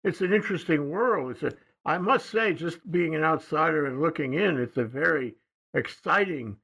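Man, talk show host, higher-pitched, gravelly, rambling interview chat. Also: lively intonation, fairly bright tone, rough recording. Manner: rambling, halting with fillers. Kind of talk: casual interview. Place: studio in Hawaii.

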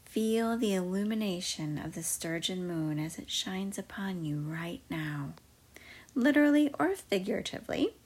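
A woman guiding a meditation in a soft, slow, mostly whispered voice. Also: medium pitch, expressive, slightly rough. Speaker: meditation guide. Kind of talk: guided meditation.

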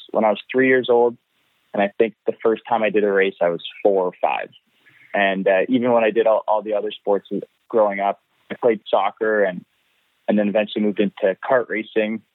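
Man from canada, low voice, reflective, restarts phrases, tinny dry phone line. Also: no room sound. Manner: reflective, repeats words while thinking. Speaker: race car driver guest. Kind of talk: phone interview.

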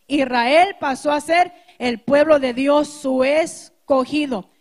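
Woman pastor, high voice, sore throat, teaching sermon straight to the congregation. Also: slow. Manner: teaching preacher, addresses congregation as brothers, clears her throat.

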